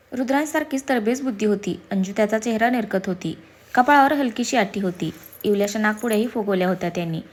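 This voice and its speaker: A woman storyteller reading a family story aloud in an expressive, even-paced narration. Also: medium pitch.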